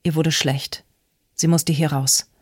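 Measured audiobook narrator, dry close sound. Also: mid-range voice, level tone, husky, no echo. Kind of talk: scripted narration.

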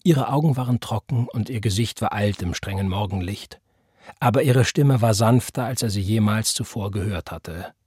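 A man giving measured, solemn audiobook narration into a close mic. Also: on the low side, darkish tone, breathy edge, no echo.

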